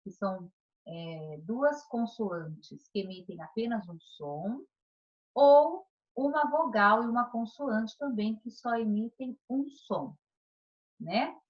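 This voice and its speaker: A woman teacher with a Brazilian Portuguese accent leads a recorded class for young pupils. Her fairly high voice swoops up and down as she asks questions and checks that everyone follows. The sound is dull and lo-fi. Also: expressive, takes it slowly. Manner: patient, questioning, checks in with "tá?" and "combinado?". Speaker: primary school teacher. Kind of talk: recorded remote class lesson.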